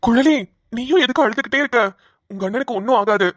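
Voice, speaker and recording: A woman voicing a kind young man who gently comforts his family in a cartoon. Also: on the high side, quick pace, no echo, clean studio sound, lightly acted. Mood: comforting.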